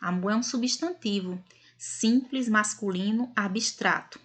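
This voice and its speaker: Brief: woman teacher, mid-pitched, patient explainer who checks in with "né?". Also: unhurried, a bit bright. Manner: explanatory, frequent "né?" tag questions. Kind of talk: recorded grammar lesson.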